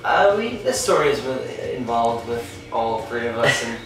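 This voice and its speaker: A man's voice: medium pitch, sing-song, normal speed. Joking man from Long Island, echoey. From Long Island, New York. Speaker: drummer. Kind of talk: casual interview. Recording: echoey room from far off, music behind.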